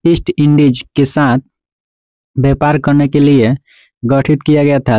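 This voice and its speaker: Mellow-voiced man drilling quiz answers. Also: fairly high pitch, dry recording, poor audio. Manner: repeats "remember" and "okay" as drilled prompts. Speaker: exam-prep teacher. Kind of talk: quiz explanation lesson.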